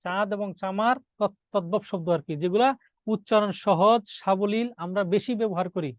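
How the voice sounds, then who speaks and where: A man with a fairly high voice gives an exam-prep grammar lecture to students. He repeats each key point as a question and answers it himself, slowing down to dictate notes. The recording is dry and close, with no room sound. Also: no room sound, dull audio. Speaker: teacher.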